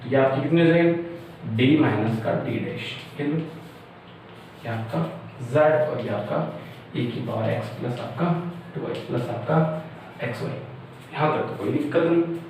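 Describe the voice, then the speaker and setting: A man's voice: mid-range voice, unhurried, pauses often, darkish tone, slight background noise. A young man teaching math step by step in a loose, conversational way, with frequent fillers and check-ins. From India. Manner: talks through each step, many fillers and checks. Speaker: math lecturer. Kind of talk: informal board lecture. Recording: echoey room, mic far off.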